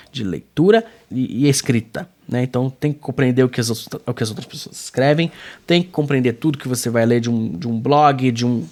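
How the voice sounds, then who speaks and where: A slightly high-voiced Brazilian man gives a casual video lesson. His delivery is emphatic and informal, swinging up and down in pitch and full of slang and filler tags. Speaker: English teacher.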